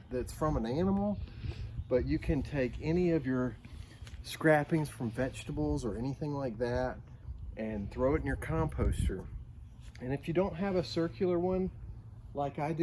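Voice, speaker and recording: A man's voice: medium pitch, a little mellow. A man with an American accent hosting a children's how-to show, explaining in a casual, plain-spoken, folksy way while outdoors. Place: outdoors, backyard. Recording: noisy outdoor ambience.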